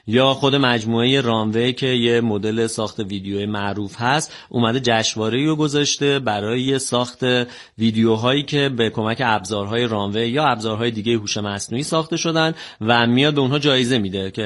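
A man's voice: mid-range voice, fairly bright tone. A man presenting a radio show as its host, explaining things in a conversational way.

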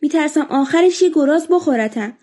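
A woman's voice: sits high, lively intonation, warm tone. A woman voicing a teasing young male bulldozer driver who jokes and mocks in a storybook reading. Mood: scared. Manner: mocking and playful.

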